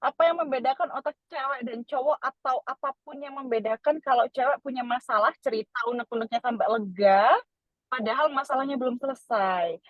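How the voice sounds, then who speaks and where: A woman hosting and reading out audience questions in a relaxed, chatty way. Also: high-pitched, no echo. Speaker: host. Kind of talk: moderating a Q&A. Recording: dull lo-fi online talk audio.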